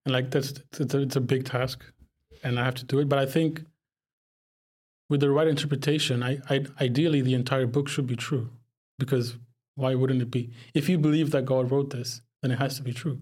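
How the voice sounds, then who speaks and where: A man's voice: medium pitch, fairly even intonation, fairly quick, a little mellow. A young man from Pakistan, a podcast guest talking casually and reflectively, often breaking into laughter. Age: young adult. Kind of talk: casual conversation.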